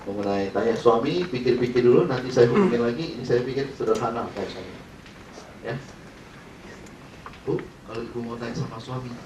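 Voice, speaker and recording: A man's voice: medium pitch, noisy background. Man storytelling in a roomy seminar hall. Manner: dramatic storyteller, asks the audience questions. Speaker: sales trainer. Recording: dull, roomy, from a distant mic.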